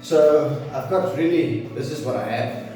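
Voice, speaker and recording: A man in his forties giving an earnest, preaching talk to camera about training and faith, with loose pauses and restarts. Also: mid-range voice, distant mic. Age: 40s. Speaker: fitness and faith vlogger. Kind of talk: motivational monologue to camera. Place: small bare home training room with rubber mats. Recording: very echoey room, voice off-mic, music behind.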